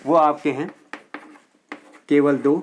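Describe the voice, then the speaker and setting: A male teacher giving a grammar lecture for exam students, explaining step by step, checking in often and slowly repeating words to show how they are pronounced. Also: fairly high pitch, fairly even intonation, a little hiss or hum.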